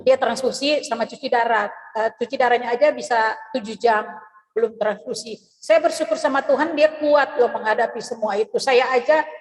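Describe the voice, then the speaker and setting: Woman, middle-aged, giving a personal church testimony, fairly high voice, lively retelling, long reverb. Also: brisk. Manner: lively storytelling, acts out the voices of the people in her story. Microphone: video call.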